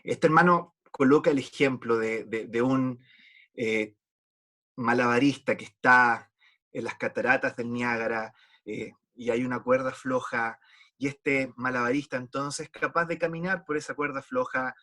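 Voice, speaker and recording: A man's voice: medium pitch, steady tone, a little slow, pushed and bright. A man preaching a sermon in an earnest, pleading way, often repeating words as he restarts a thought.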